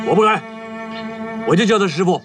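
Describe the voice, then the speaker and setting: Male actor as stubborn young-blooded battalion officer, war drama. Blunt, high-pitched, picked up from a distance. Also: fairly quick, lightly acted. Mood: defiant. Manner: defiant, blunt. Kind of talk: television period war drama. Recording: distant mic, faint music behind.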